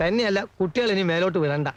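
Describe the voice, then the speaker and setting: An actor playing a fussy, fearful household helper who gossips dramatically, in a comedy film scene. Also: male voice, high voice, lively intonation, fast, no room sound. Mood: fearful warning. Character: jittery gossiping helper, scared of a lodger. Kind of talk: 1980s film comedy acting.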